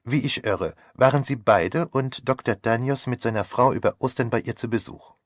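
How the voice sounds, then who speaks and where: A man reading an audiobook voices a fastidious elderly male detective who asks polite, measured questions. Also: medium pitch, no room sound, clean studio sound, lightly acted. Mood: probing. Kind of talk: audiobook character voice.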